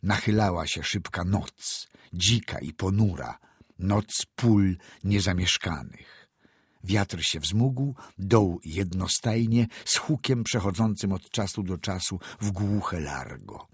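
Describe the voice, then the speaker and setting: A man narrating classic prose as an audiobook reader, measured and descriptive. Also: deep voice, animated, husky, no room sound, studio quality.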